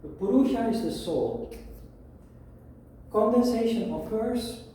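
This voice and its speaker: A man teaching a yoga philosophy lesson, explaining at a whiteboard in a measured way with pauses. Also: extremely high pitch, lively intonation, mellow, a little hiss or hum. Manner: slow, measured, with pauses and restarts. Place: room with a whiteboard. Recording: echoey room, mic at a distance.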